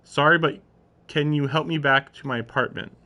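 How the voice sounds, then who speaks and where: This live-streamer has a fairly high, sharp, steady voice and reads a story at a moderate pace. He breaks off between passages with informal, puzzled questions of his own.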